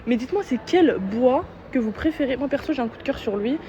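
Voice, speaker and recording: A woman's voice: sits high, animated, quick pace, mellow, a little hiss or hum. A young woman chatting casually and playfully to her viewers in a vlog, filmed on a handheld phone. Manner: chatty, slangy and playful, asks viewers' opinions. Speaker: vlogger. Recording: dull lo-fi phone audio with music behind.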